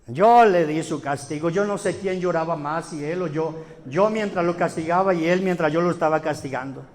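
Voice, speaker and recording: A man with a Colombian accent, a pastor telling his story in a sermon, swinging between loud outbursts and hushed passages. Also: fairly high pitch, moderate pace, long reverb tail. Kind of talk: sermon testimony.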